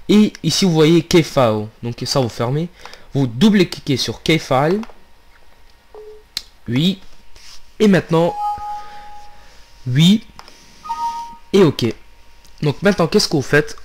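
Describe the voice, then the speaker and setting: A man casually narrating a software tutorial, hesitant and halting as he talks through each click. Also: fairly high pitch. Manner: hesitant, many fillers and restarts, steps through clicks. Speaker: tutorial maker.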